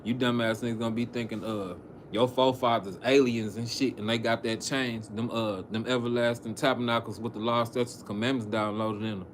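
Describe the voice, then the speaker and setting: A man reading scripture on a livestream, with casual, profane asides and halting, filler-laden commentary. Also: medium pitch, fairly even intonation, slight background noise. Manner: halting, frequent fillers and restarts. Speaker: preacher on a livestream.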